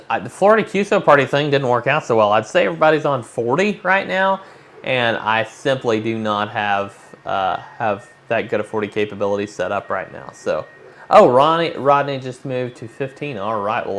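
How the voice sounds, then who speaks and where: During a casual hobby livestream, a man who works amateur radio thinks aloud while walking his viewers through a demo. His voice is on the low side with a fairly bright tone, and there's noticeable background noise.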